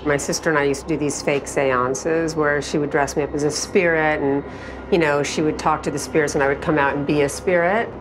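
A woman's voice: low-pitched, fairly even intonation, brisk, background noise. A middle-aged woman in casual conversation, recounting her own memories as a guest. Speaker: guest revisiting a former home. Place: city street and old apartment interior.

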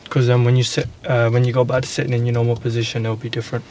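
Young guy learner driver, pretty flat voice, short unsure answers, noisy car background. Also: medium pitch, very fast. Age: young adult. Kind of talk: casual question and answer in a lesson. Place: inside a parked car. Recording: clear car background noise.

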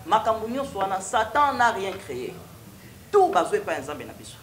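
An animated young Congolese preacher, a male prophet guest, delivers his testimony in a studio interview before a stone wall, switching freely between French and Lingala. His voice is high and moderately paced. The sound is reverberant, with a little hiss or hum.

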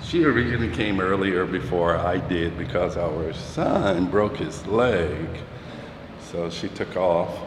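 This low-pitched man rambles casually, with plenty of fillers, as he shows viewers around his two-story house and part of its balcony. Background noise is audible on the handheld phone camera he walks with.

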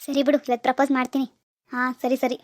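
A woman's voice: sits high, flat delivery, fast talker, no echo, lightly acted. A woman voicing a timid, lovesick young village man in a cartoon, hesitant and gloomy. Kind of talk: cartoon dialogue.

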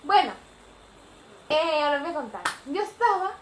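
A woman's voice: sits high, very animated, normal speed, reverberant, a loud crowd, poor audio. A young woman with a Spanish accent from Spain, rambling chattily with many fillers in a casual storytime vlog at home. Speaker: vlogger. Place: home living room.

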